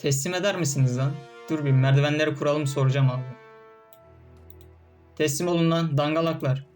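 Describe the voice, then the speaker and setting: A man's voice: fairly high pitch, fairly even intonation, fairly quick, darkish tone, soft background music. A young man doing casual gameplay commentary, often frustrated, cursing and barking orders at his troops. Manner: frustrated, swearing, talking to game troops.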